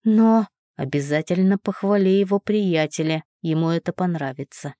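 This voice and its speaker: A friendly, chatty young man who drops his voice to share secrets, voiced by a woman reading an audiobook. The tone is warm and a little lower than her own. The close, dry recording keeps every word intimate. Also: moderate pace, no echo, close to an everyday voice. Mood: confiding. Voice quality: hushed, confiding. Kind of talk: audiobook character voicing.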